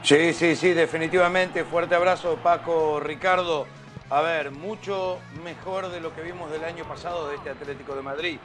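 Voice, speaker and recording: A man's voice: fairly high pitch, steady tone, normal speed, over music. A man giving conversational football analysis as a pundit, emphatic and repeating words for weight.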